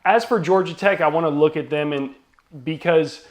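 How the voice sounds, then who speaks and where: A man co-hosting a sports podcast, giving casual, orderly analysis of a football game. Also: a little high. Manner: measured, lays out points in order. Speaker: podcast co-host.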